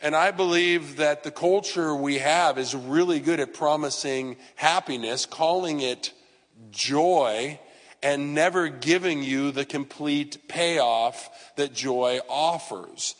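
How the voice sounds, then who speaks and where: A man in his fifties preaching a sermon as pastor, conversational with self-deprecating asides and sudden loud outbursts. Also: a little high, slow. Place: church sanctuary. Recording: long reverb of a church hall.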